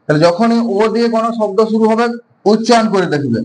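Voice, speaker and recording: High-voiced man teaching grammar. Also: expressive, fast talker, darkish tone, slight background noise, rough recording. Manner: repeats questions and answers them himself. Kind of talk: classroom lesson explanation.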